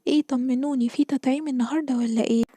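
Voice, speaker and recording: A woman's voice: sits high, fairly even intonation, rapid-fire, dark tone, no echo. A woman voicing an anxious, fussy mother cow with an Egyptian Arabic accent.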